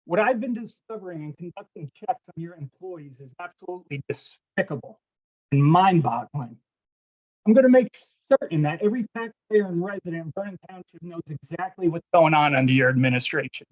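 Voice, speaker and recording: Calling into a council meeting's public comment period, a man accuses and challenges in a rather high voice with lively intonation and a quick pace. The remote line is dull and low-fidelity, and the audio keeps cutting out.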